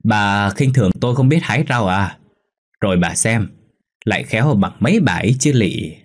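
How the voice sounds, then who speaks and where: Một người đàn ông lồng tiếng ông chồng quê lớn tuổi cứng đầu, nói ngắt quãng lắp bắp khi hoảng sợ. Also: male voice, lowish voice, animated, husky. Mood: joking, stubborn. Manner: halting, stammering whispers when terrified. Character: elderly village husband, stubborn, easily frightened.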